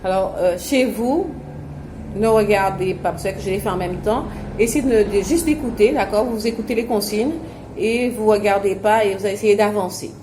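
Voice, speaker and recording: A woman from Guadeloupe runs a home exercise session for seniors. She speaks into her own camera's mic in a chatty, halting way. She stops often to restart a thought or fill a pause. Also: medium pitch, noisy background. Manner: chatty, hesitant with many fillers and restarts. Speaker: senior fitness and memory instructor. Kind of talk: instructional talk to seniors at home. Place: home, self-filmed.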